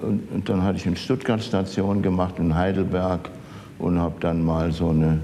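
An architect in his 70s or 80s from Germany's Saarland is interviewed as an eyewitness in a large indoor office archive. He reminisces haltingly, hunting for words, with a warm tone but flat delivery, in an echoey room with rumbling background noise.

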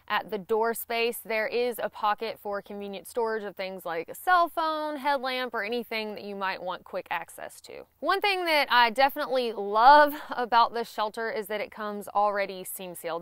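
A woman's voice: mid-range voice, dry recording. A young woman with a Southern US accent, giving a scripted gear review to camera outdoors on a grassy lawn. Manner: clear, even, informative delivery.

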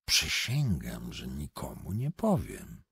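A man voicing a mysterious, low-voiced foreign gentleman who speaks with slow, insinuating courtesy in an audiobook. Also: huge pitch swings, gravelly, slightly rough, no echo, clean studio sound, heavily acted. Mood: courteous, wondering.

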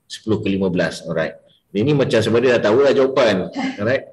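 A man's voice: on the low side, lively intonation, fast, a little mellow, echoey room, low-quality recording. A Malaysian man running an interactive business coaching class, mixing English into Malay and quizzing his students by name.

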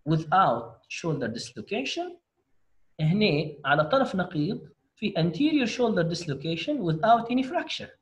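A man leads an online medical lecture. His voice sits high for a man and swings widely in pitch as he encourages his students. He mixes English medical terms into his dialect. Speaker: doctor teaching radiology.

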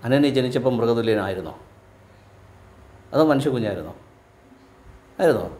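This animated man from Kerala, a spiritual teacher, speaks like a preacher before a live audience, throwing out quick rhetorical questions. His points trail off low and quiet, and the hall adds a spacious echo.

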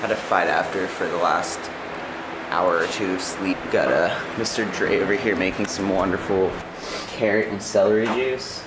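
A man's voice: low voice, moderate pace, noisy background. A young man vlogging about his workouts in a chatty, upbeat way, swearing casually. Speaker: fitness vlogger. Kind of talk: casual vlog chat. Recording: loud music under the voice. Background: loud background music.

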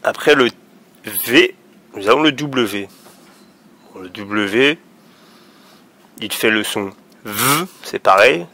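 A man's voice: lowish voice, expressive, takes it slowly, pauses often, bright, forceful tone. A man teaching young children letter sounds, patiently drawing out each sound. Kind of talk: phonics lesson for young children.

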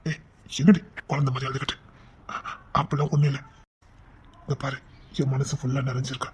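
Husky, fast-talking husband John, played by a man. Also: mid-range voice, little pitch movement. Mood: tender. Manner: fast, blustering, then soft and coaxing. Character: devoted, brash young husband John. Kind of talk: amateur Tamil audio drama.

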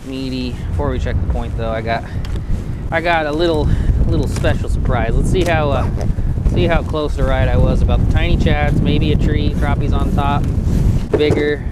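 Out on a frozen lake, a fishing channel host with a mid-range voice narrates his vlog into a body-mounted action camera. He's laid-back, chatty, and jokey, and there's heavy background noise.

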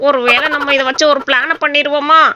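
A woman's voice: high voice, fairly even intonation, fairly quick, dull audio, noisy background, lightly acted. A woman voicing a scheming young village trickster man in a cartoon, talking in a sly, whining way. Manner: sly, whining plea for money. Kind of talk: cartoon voice acting.

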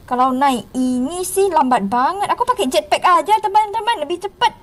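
Very high-voiced excitable gaming narrator woman. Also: a little fast. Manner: excitable, exclaiming, addresses viewers often. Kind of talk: excited gameplay commentary.

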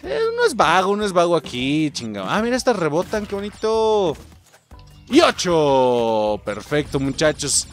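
Young Mexican gaming host, casual and chatty, voice on the higher side, lively delivery. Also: male voice, a little slow, faint music behind. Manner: excitable, chatty, often calls out to viewers. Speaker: gaming YouTuber. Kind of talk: let's play commentary.

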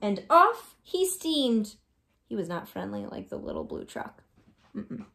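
A woman teacher reading a storybook to children, gently and with soft asides. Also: mid-range voice, huge pitch swings, measured pace, vocal fry.

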